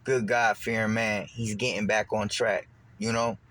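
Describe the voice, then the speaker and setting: A young man casually recounting a dream, rambling and restarting his sentences, animated whenever he quotes someone. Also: fairly low pitch, measured pace. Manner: rambling, repeats words and restarts, animated when quoting. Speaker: vlogger. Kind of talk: casual storytelling.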